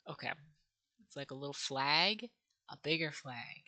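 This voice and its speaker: A woman's voice: low voice, animated, unhurried, pushed and bright. A woman teaching herself a language on camera, thinking aloud and sounding out syllables in a playful, self-mocking way. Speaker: language learner vlogger. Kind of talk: casual think-aloud vlog.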